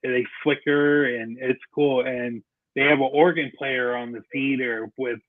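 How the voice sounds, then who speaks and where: A man's voice: mid-range voice, fairly even intonation, unhurried, no room sound. Guy hosting a chat podcast, rambly, sounds like a phone line, dry. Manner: chatty, rambling with restarts. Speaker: podcast host. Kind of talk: casual chat.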